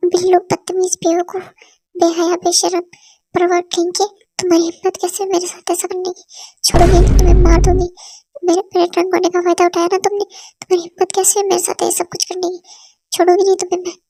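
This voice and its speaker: A woman voicing a hot-tempered young wife in an amateur fan-dub drama reading, scolding in a rapid tirade full of insults. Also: very high-pitched, completely flat delivery, dark tone. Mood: furious.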